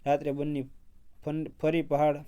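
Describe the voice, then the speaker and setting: A man reading a scripted story aloud, calm and even in his delivery. His voice is warm and mellow, with a smooth, resonant tone. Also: on the high side, normal speed. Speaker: narrator.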